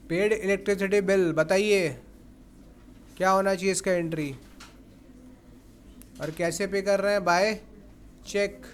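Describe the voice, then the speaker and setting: Man, accounts teacher, high voice, questioning, coaxing, faint background noise. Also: fairly even intonation, unhurried, long pauses. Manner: coaxing, asks students questions often. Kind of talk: classroom lecture.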